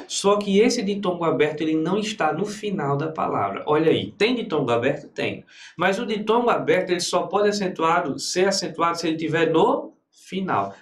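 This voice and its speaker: A man's voice: sits high, roomy sound. A Brazilian man teaching grammar for exam prep, who keeps answering his own students' questions. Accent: Brazilian Portuguese. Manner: lively, talks to himself as the student.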